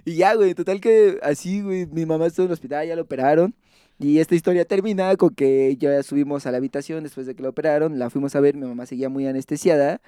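Un hombre joven con acento mexicano cuenta una anécdota en charla casual, animado, lleno de jerga y risas. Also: male voice, on the high side, quick pace, clean tone, no room sound, studio quality. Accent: Mexican Spanish. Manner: animated slangy storytelling, laughs often. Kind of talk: casual storytelling chat.

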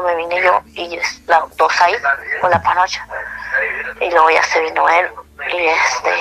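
Bright-voiced Mexican woman telling a story. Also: on the low side, gravelly, low-quality recording. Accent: Mexican Spanish. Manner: halting, sighing and giggling, many restarts. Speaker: caller telling her story. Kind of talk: intimate first-person story by phone.

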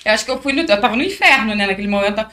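A woman's voice: medium pitch, racing. A woman, a fighter, telling her story in a casual interview and acting out what others said. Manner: animated, acts out quoted dialogue. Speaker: guest, professional fighter.

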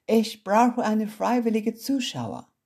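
A woman's voice: a little high, sing-song, takes it slowly, warm tone, husky, pitched above the performer's own voice, exaggerated voice. A woman voicing a showy young circus girl who speaks with a put-on American accent and mixes broken English into German. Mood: bubbly.

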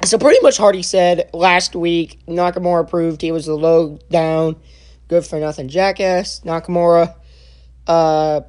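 A young man giving a casual spoken review, halting and full of filler sounds and restarts. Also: on the high side, darkish tone, smooth. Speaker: wrestling show reviewer.

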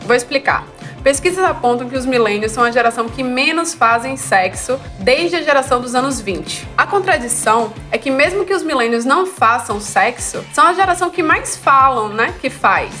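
A woman's voice: sits high, animated, a little fast, sharp tone, faint music behind. A young woman with a Brazilian Portuguese accent, hosting a talk show in a casual, chatty presenting style.

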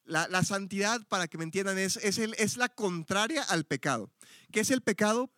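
A man's voice: high-pitched, lively intonation, moderate pace, sharp tone, no room sound, studio quality. A middle-aged man from Mexico City with a Mexico City Spanish accent, giving a chatty, explanatory church teaching with frequent fillers and self-corrections. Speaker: Bible teacher.

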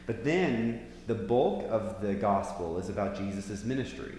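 In a big echoey hall, a preacher leading a church Bible class talks conversationally and asks his listeners questions. His voice is lowish, expressive and darkish, with a measured pace. Long reverb and a faint hum color the recording.

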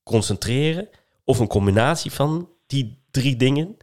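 A man's voice: medium pitch, expressive, moderate pace, darkish tone. A man with a Dutch accent from the Netherlands talking in an explanatory way in a casual podcast discussion, often adding tag words to seek agreement.

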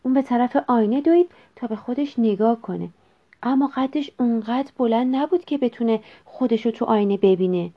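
Woman storyteller, fairly high voice, expressive reading, dull lo-fi sound. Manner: expressive, measured reading aloud. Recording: dull lo-fi recording.

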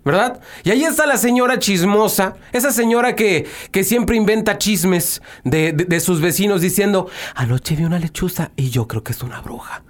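A man's voice: sits high, animated, moderate pace, hardly any pauses. A man with a Mexican accent co-hosting a casual comedy chat, mocking and slangy in his talk. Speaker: podcast co-host.

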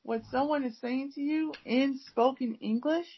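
In a casual conversation, a woman from the United States who teaches English rambles on, full of fillers and false starts. Her husky voice sits high at a moderate pace, recorded in dull lo-fi sound.

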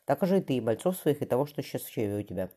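Brief: narrator doing a brisk, mellow-voiced noblewoman, blunt and earthy. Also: very deep voice, big pitch swings, breathy edge, heavily acted. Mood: stern. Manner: earthy, commanding, plainspoken. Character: confident, blunt Russian noblewoman, pregnant mother. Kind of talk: audiobook character voicing.

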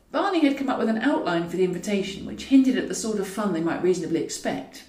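Medium-pitched and darkish, this woman's voice narrates scripted fiction from her own audiobook. Her storytelling is wry and wordy, captured with a roomy echo from some distance away from the microphone.

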